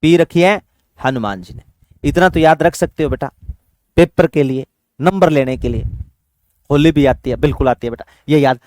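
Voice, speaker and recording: A man leads an exam-prep lesson with a fatherly manner, posing questions and answering them himself while slowly chanting memory tricks. His voice is fairly high and a little mellow, and the recording has no echo.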